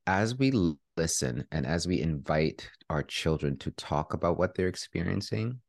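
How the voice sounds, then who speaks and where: Very deep-voiced man explaining calmly. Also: creaky, no room sound, studio quality. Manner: calm, measured explaining. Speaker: parenting expert guest. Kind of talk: interview answers.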